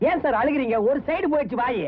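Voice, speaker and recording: A man's voice: very high-pitched, animated, fast. A male comic actor playing a bossy schemer who scolds and mocks his friend, on an old tinny film soundtrack. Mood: mocking. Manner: bossy, mocking, scolding banter. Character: bossy scheming man, mocking and loud. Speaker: comedian in a film scene.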